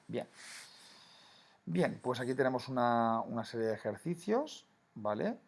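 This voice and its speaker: A man's voice: medium pitch, creaky, darkish tone. A man teaching a grammar lesson to schoolchildren, explaining patiently and often checking in with "¿vale?". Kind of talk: recorded classroom grammar lesson.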